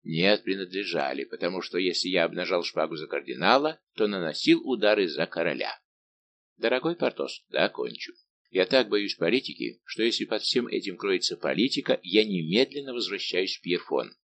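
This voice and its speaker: A man voicing a big, good-natured, simple-minded old musketeer baron, talking slow and booming. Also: expressive, a bit bright, full character voice. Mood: grumbling.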